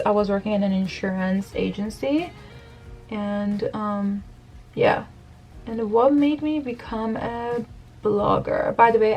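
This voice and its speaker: A beauty blogger in her thirties from Iran, her voice on the high side and a little mellow, chats candidly with frequent fillers while applying makeup. It's a get-ready-with-me Q&A shot in her home bedroom by a desk camera, and the audio is poor.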